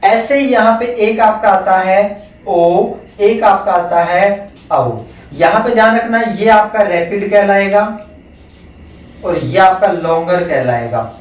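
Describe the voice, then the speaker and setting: A man's voice: sits high, slow. A man teaching an exam-prep phonetics lesson with an Indian English accent, explaining step by step and answering his own questions. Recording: echoey room, mic far off.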